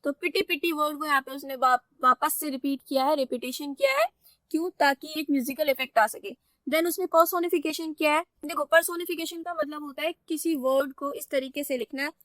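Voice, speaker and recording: Young woman tutor, bright tone, explains each step and keeps checking understanding. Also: sits high, dry recording. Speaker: teacher. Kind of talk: exam-focused poetry lesson in mixed Hindi and English.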